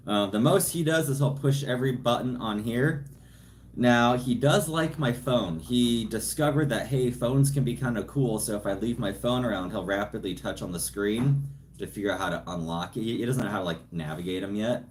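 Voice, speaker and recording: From his home, a California man with a mid-range voice and moderate pace hosts a casual live Q&A, reading viewer comments with rambling self-deprecation. His phone sits some distance away, and there's slight background noise.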